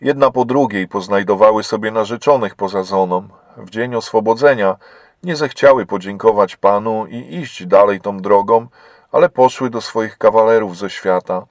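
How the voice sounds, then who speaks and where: A man voicing a weary old woman of faith who speaks in a sorrowful, measured way. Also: fairly low pitch, dry recording, lightly acted.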